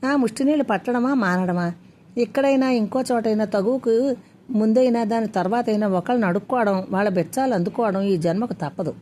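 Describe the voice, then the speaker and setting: A woman's voice: fairly high pitch, brisk, mellow, slight background noise, close to an everyday voice. A woman voicing a poor, outspoken village woman who talks back in a defiant, rustic way. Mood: weary.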